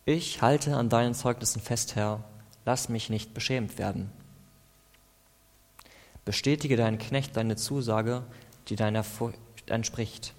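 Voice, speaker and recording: A man's voice: mid-range voice, steady tone, a little mellow. Man reading psalms in a reverberant hall. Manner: reads psalm verses slowly, then comments in a conversational tone. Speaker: preacher. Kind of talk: devotional Bible reading and commentary.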